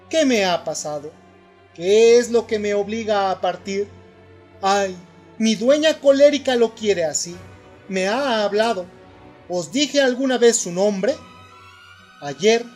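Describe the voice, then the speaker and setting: A man narrating an audiobook of philosophy in a measured, solemn first-person telling. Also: high voice, a little mellow.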